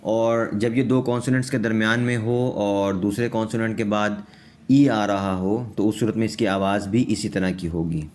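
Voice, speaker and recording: A man's voice: lowish voice, steady tone, darkish tone. A man with a Pakistani accent teaching English pronunciation in Urdu, patiently repeating each word and checking in with his students.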